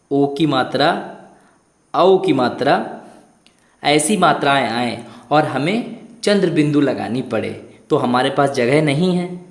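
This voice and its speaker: Slow, patient male Hindi teacher. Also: mid-range voice, echoey room. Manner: asks questions and repeats answers, stretching words out. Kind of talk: slow, repetitive Hindi lesson for young children.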